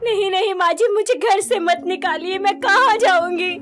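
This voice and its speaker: A woman voicing a scheming young bride in an animated story, indignant and pleading by turns. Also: very high-pitched, moderate pace. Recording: background music under the voice.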